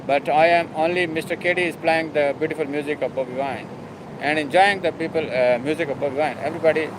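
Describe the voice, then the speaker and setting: A man's voice: a little high, steady tone, fast, background noise. A man hosting a casual live stream, talking in a rambling, emphatic and repetitive way. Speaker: livestream host.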